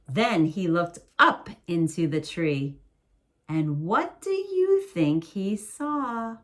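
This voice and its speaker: A woman reading a picture book aloud as a bedtime story, in a slow, soothing, expressive way. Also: fairly low pitch.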